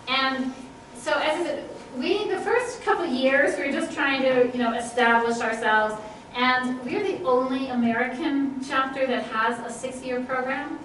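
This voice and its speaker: A woman's voice: fairly high pitch, far from the mic, a little hiss or hum. Woman speaking in an echoey hall. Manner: animated, gestures broadly while talking. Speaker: youth program leader. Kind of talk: answering audience questions. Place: large church hall with audience. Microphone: far camera, no mic.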